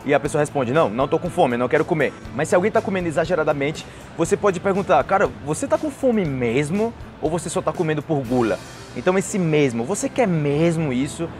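Out on a patio by trees and a street, a young adult man with a Brazilian accent teaches a conversational language lesson to camera, explaining with acted example phrases. He's wearing a lapel mic, and his expressive, slightly mellow voice is on the high side and fairly quick, with faint music behind.

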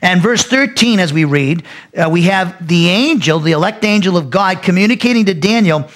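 A man teaching a verse-by-verse Bible lesson, his voice ragged and strained, explaining slowly and repeating phrases as he restarts words. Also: high voice, animated.

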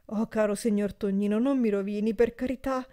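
A woman's voice: a little high, normal speed, warm tone, voice pushed up, lightly acted. A woman voicing a frightened old male porter who pleads and begs for mercy in an audiobook. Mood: pleading. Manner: pleading, sobbing, breathless entreaties.

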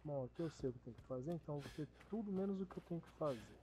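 A man's voice: on the high side, animated, rapid-fire, mellow, slight background noise. A Brazilian man, around his thirties, giving casual, slangy, crude-joking commentary as he streams a horror game. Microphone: streaming mic, facecam.

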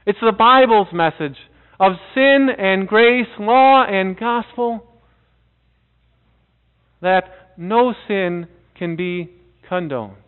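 A middle-aged male pastor preaching in a church sanctuary with a high, smooth voice. He speaks earnestly, pausing for effect and dropping to near-quiet on key words. The sound is thin and tinny, as if over a phone line. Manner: earnest preaching with dramatic pauses and soft drops. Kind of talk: sermon. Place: church sanctuary before a seated congregation.

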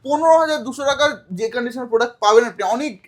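A man with a Kolkata Bengali accent who speaks very fast in a high voice and runs through price after price. He repeats each figure in a sales pitch for secondhand phones. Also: crowd noise. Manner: rapid repetitive price listing. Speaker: phone seller.

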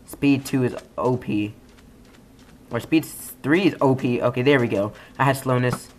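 A young man giving casual, rambling commentary over a game, trailing into mumbled asides and then suddenly yelling. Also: mid-range voice, normal speed, slight background noise. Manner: rambling, excitable, swings between mumbling asides and sudden yells. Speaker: gaming YouTuber. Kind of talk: casual let's-play commentary.

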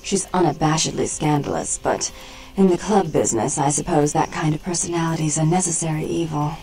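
Haughty female vampire proprietor for a video game, slightly low voice, formal and cool. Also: brisk, dark tone, soft background music, poor audio. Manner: formal, poised and condescending. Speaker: vampire club owner.

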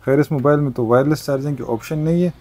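A man, a shopkeeper demonstrating gadgets in a market shop. He talks in a brisk salesman's patter and keeps using polite forms of address. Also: a little high, a little mellow, a little hiss or hum. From Pakistan. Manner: brisk salesman patter, frequent "thik hai" and "janab-e-wala". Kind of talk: product demonstration sales pitch.

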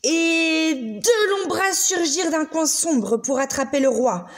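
Slow, lively woman reading a storybook. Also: high-pitched. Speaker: children's story reader. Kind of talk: reading a picture book aloud.

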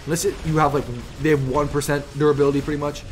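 A man doing live gameplay commentary as a hyped, excitable gamer bro who repeats his phrases, hosting his video. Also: on the high side, very fast, a little hiss or hum, low-quality recording. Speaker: gaming video host.

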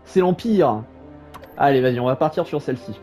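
Casual male game commentator, soft warm tone, thinks out loud, light music underneath. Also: mid-range voice, expressive, a little fast. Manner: musing aloud, informal. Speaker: gaming video host.

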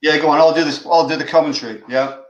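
A man's voice: a little high, steady tone, fast talker, reverberant, lo-fi sound. An older grandfather, chatting casually and urging the players on during a live football reaction. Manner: chatty, restarts sentences, urges the players on. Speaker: grandfather co-watching the match.

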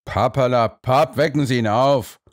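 Ein Mann, der in einem Hörbuch einen strengen, ungeduldigen älteren Kanzler spricht, herrisch und befehlend. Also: male voice, mid-range voice, unhurried, no room sound, clean studio sound, lightly acted.

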